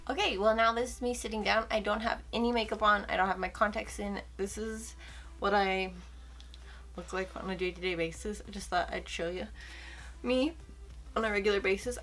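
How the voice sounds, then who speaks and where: A young woman casually chatting as she walks through her small home filming room, a little out of breath and rambling. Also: mid-range voice. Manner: chatty, rambling, self-deprecating. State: slightly out of breath. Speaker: beauty vlogger. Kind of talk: casual tour narration.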